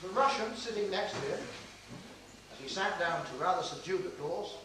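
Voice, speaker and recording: A middle-aged man, the father of the bride, giving a measured, joking wedding toast, heard on an old VHS home video. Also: high voice, lively intonation. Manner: measured, joking formal delivery. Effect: old VHS home video tape. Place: large room at a wedding reception. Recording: echoey hall, far from the camera, hiss on the tape.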